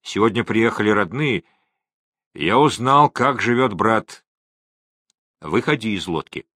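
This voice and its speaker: A man's voice: fairly low pitch, animated, measured pace, sharp tone, no echo, studio quality, heavily acted. Man voicing a blunt, demanding young native man. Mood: stern.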